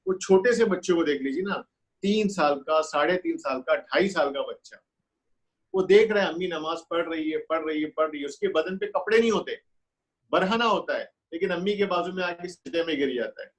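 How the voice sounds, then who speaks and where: A man with a fairly high voice gives an earnest webinar lecture. He asks rhetorical questions and swings between raised, urgent lines and hushed ones. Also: poor audio. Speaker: webinar speaker on parenting. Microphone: webinar call audio.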